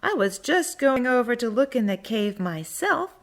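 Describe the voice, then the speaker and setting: A woman voicing a friendly, curious little garden mole who tells a children's storybook tale in first person, with expressive, sing-song storytelling. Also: on the high side, moderate pace, pitched above the performer's own voice. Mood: earnest wonder.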